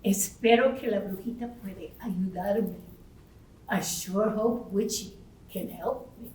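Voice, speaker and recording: A woman voicing a gentle, hiccuping ghost in a bilingual children's puppet show, saying each line in English and Spanish. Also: mid-range voice, takes it slowly, close to an everyday voice. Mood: fretful. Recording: echoey room, far from the mic.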